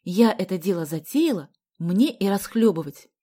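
A woman's voice: medium pitch, animated, normal speed, dark tone, lightly acted. A woman reading an audiobook aloud, voicing a determined, commanding teenage girl. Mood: firm. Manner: urgent, commanding. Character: determined teenage girl Galya, bossy and brave. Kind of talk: audiobook character voice.

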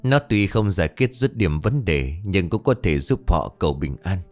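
A man voicing a stern old male village exorcist who speaks in a calm, instructive way, in an audio ghost story. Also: low-pitched, moderate pace, faint music behind. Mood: grave counsel.

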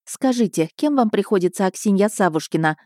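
A woman voicing a stern, composed widow necromancer who gives curt, calm orders, in an audiobook reading. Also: medium pitch, a little fast, no echo, studio quality, natural voice.

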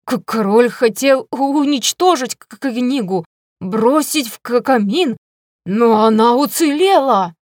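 A woman's voice: on the high side, animated, measured pace, dry recording, clean studio sound. A woman voicing a fat, cowardly male secretary who stammers and sobs in panic. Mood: terrified.

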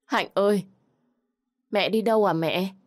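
A woman's voice: lowish voice, moderate pace, no room sound, studio quality, close to an everyday voice. A woman voicing a sweet nine-year-old girl in a spoken story, pleading in a small childlike voice.

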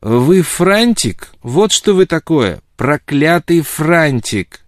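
A man doing a shrill drunken bitter woman. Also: sing-song, takes it slowly, no echo, clean studio sound. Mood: scornful. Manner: wailing, accusing, slurred outbursts.

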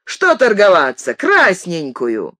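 A brash, bragging cabbie , put on by a woman reader, hawks his racing trotter in slow, drawn-out calls. His voice leaps up and down as he talks himself up. It is a storybook reading heard close and dry. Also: on the low side, wildly swooping pitch, fairly bright tone, no echo, heavily acted. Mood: boastful. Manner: boastful hawking patter.

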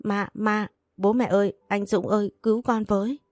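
A woman voicing a spoiled, sharp-tongued young sister-in-law in an audio story, mocking and boastful. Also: lowish voice, moderate pace, dry recording, clean studio sound, lightly acted. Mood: whiny.

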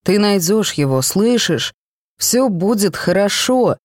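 Aisha is a caring young woman who soothes and pleads with her friend, as a storybook reader plays her. Her voice is recorded close and dry at a middling pitch. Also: animated, slow pace, no echo. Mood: soothing.

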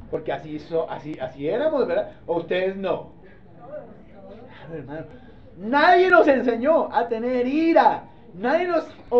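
Lively pastor preaching. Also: male voice, extremely high pitch. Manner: animated, playful, asks the congregation for responses. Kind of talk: sermon. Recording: dull lo-fi sermon recording.

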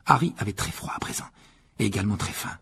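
A man reading a novel aloud as audiobook narrator, lively storytelling. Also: on the low side, fast, slight background noise. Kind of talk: scripted narration.

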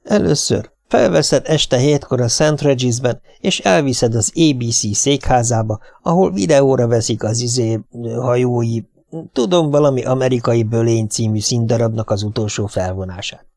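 A nervous husband talks his wife round in a steady, coaxing tone, as a male audiobook reader plays him. His voice is gravelly and heard close and dry. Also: mid-range voice, dry recording, natural voice. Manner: coaxing, reassuring, plain.

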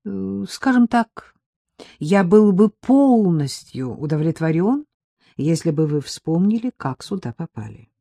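A calm, wry man with a low, warm voice, as a woman narrator reads him in a storybook. He speaks slowly and evenly, with dry mockery under every word. The delivery is close and dry. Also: creaky, dry recording, full character voice. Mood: measured. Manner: measured, dryly mocking. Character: calm, wry grown man, a quiet schemer.

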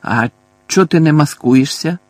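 A man's voice: fairly high pitch, measured pace, no echo. A male narrator voicing a scruffy, shifty small-time crook who mumbles and stammers in slang. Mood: startled.

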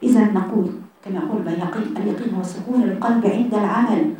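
Egyptian woman, religious teacher, fast delivery, roomy hall sound, mic far off. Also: medium pitch, warm tone. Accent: Egyptian Arabic. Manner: impassioned, rhetorical questions. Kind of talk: Quran lesson to women.

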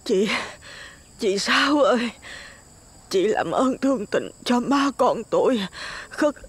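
Weak breathy old sick mom begging, stammers, slow, a man faking it up high. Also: expressive, exaggerated voice. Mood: pleading. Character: frail sick old mother, pleading.

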